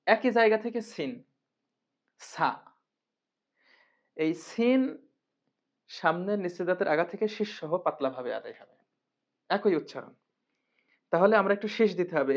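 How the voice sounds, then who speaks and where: A woman teaching Quran reading in a recorded lesson, patiently repeating and drilling each sound. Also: fairly low pitch. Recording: muffled lo-fi recording.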